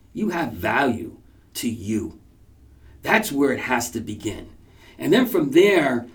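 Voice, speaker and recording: Emphatic martial arts instructor, man. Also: mid-range voice. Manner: emphatic, acts out quotes in bursts. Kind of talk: teaching talk to students. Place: training school room.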